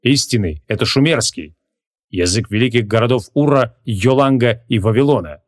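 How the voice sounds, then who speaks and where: A man voicing an arrogant, quick-tempered ancient archmage who talks gruffly and scornfully. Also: medium pitch, lightly acted.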